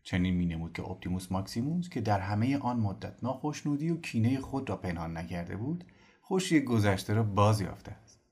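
A man narrating a novel as an audiobook in an expressive storytelling manner. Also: lowish voice, breathy edge. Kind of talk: scripted narration.

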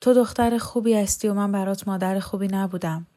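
A woman reading the part of a grieving mother who mourns her two sons, speaking softly and wearily. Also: mid-range voice, steady tone, natural voice. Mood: weary. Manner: soft, weary, subdued.

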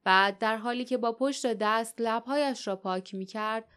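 A woman narrating an adventure audiobook in a steady, expressive storytelling manner. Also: a little high, clear, resonant tone. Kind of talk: scripted narration.

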